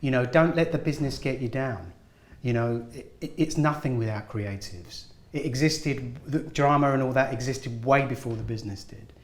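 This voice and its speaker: Male guest actor, mid-pitched, earnest and encouraging, recorded in an echoey room. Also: moderate pace, hardly any pauses. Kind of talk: casual interview talk. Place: film studio at a school event.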